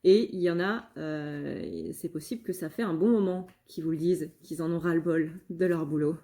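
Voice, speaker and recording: Woman, tarot reader, mellow low voice, halting, full of fillers and restarts. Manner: hesitant, many fillers and restarts. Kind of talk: casual channeled card reading.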